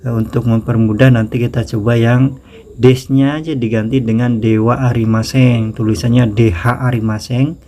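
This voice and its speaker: A man with an Indonesian accent teaching a casual grammar lesson, slowly repeating example sentences. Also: medium pitch, little pitch movement, dark tone, a little hiss or hum. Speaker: Japanese language teacher.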